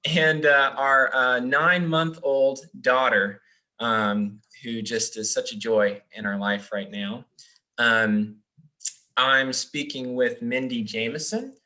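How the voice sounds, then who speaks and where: Young male webinar host, bright and forceful tone, friendly, filler-heavy delivery. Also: medium pitch, fairly even intonation, takes it slowly. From Japan. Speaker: webinar host, donor relations officer. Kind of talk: hosting a webinar.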